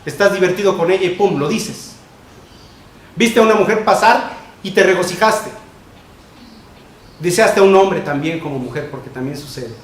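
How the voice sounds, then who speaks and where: Emphatic preaching man, echoey church. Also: high-pitched. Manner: emphatic, repetitive preaching with quick shifts between loud and soft. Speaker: pastor. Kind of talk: sermon. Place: church sanctuary. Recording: echoey church room with faint noise.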